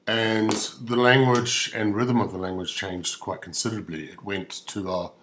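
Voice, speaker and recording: New Zealand male comic, dry mock-professor delivery, low-ish voice. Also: flat delivery, normal speed, a bit bright, slight background noise. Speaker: comedy musician. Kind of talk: comic stage monologue.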